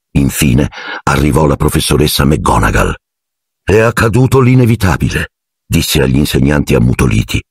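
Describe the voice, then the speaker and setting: Low, husky male audiobook narrator, animated delivery. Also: no room sound, studio quality. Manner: expressive storytelling.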